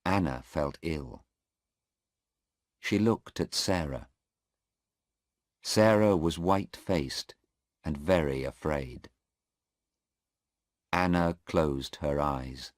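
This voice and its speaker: A man reading a simple story aloud for English learners, clear and very measured. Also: a bass voice, no room sound, studio quality. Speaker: story reader. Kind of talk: slow graded-reader narration for English learners.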